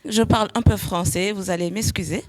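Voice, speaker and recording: A woman playing a devout, affectionate visiting sister in a drama, speaking halting broken French mixed with English. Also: mid-range voice, steady tone, lightly acted. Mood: apologetic.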